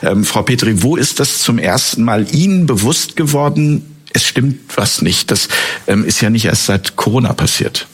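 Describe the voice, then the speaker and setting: A man's voice: medium pitch, expressive, moderate pace, husky. A man moderating a panel discussion, addressing a guest formally.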